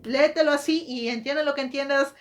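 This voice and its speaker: A woman's voice: high voice, fairly even intonation, brisk. A woman hosting a book channel, talking casually in a chatty way, correcting herself and asking rhetorical questions. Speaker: book vlogger. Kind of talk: casual explanatory monologue.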